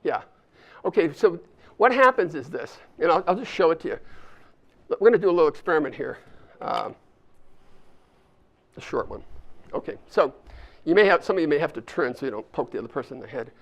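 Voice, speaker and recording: A man's voice: fairly high pitch, very animated, brisk, long pauses, lo-fi sound. An older man giving a chatty leadership talk to a live audience, walking them through a hands-on exercise. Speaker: speaker at an alumni volunteer summit. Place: university event space with a live audience.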